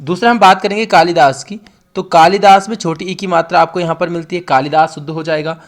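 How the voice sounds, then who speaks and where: A young male teacher with an Uttarakhand Hindi accent leads an online exam-prep lesson in a high-pitched, steady voice at a fairly quick pace. He explains by repeating words for emphasis and speaks directly to his students.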